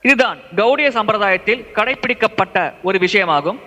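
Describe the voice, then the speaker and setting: A man interprets a lecture phrase by phrase in a high, bright voice. His delivery is fluent and steady. Long reverb from a hall trails behind his words. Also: moderate pace. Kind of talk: consecutive translation of a lecture.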